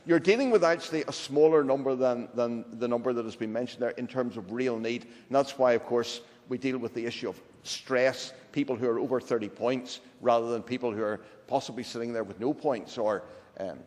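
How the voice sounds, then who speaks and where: An older man with a Northern Irish accent giving a deliberate, emphatic formal answer as a politician, repeating his points. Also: mid-range voice, darkish tone. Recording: reverberant large hall.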